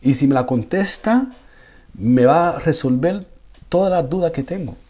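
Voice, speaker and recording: Imam giving a personal testimony, warm low-toned voice, repeats words, builds to fervent pleading. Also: male voice, expressive, unhurried.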